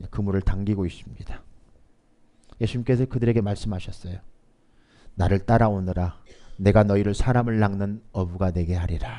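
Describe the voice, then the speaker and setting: A man preaching a Sunday sermon as pastor, moving between quiet asides and loud, emphatic rises, and calling on the congregation to repeat lines aloud. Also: on the low side.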